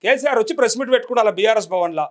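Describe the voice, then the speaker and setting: A man's voice: extremely high pitch, expressive, racing. A man with a Telangana accent delivering heated political commentary, scolding and mocking with rhetorical questions. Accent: Telangana Telugu.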